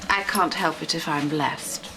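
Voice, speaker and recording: A woman's voice: sits low, a little slow, background noise. An actress playing a prim, self-satisfied woman with a fluttery, fussy manner. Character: smug, fussy middle-aged woman, flustered. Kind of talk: soap opera acting.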